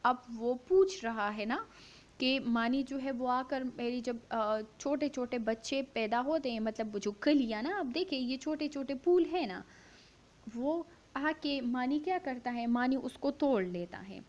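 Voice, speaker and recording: Slow-reading woman teacher, dull recording. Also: high-pitched. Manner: slow, syllable-by-syllable reading, repeating each line for pupils to follow; asks the class questions and answers them herself. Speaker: primary school teacher. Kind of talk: reading a story aloud and explaining it to young children.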